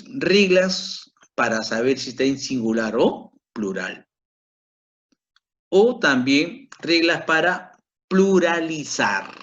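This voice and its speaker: Slow-paced male grammar teacher. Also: on the high side, lively intonation, fairly bright tone. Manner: slow, repetitive, checks in with "¿ok?". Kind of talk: grammar lesson. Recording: dull lo-fi recording.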